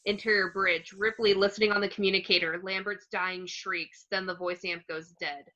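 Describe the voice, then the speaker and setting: A woman narrates a screenplay's action descriptions in short, clipped phrases, her mid-range voice bright and forceful with little pitch movement at a normal speed. The recording is lo-fi.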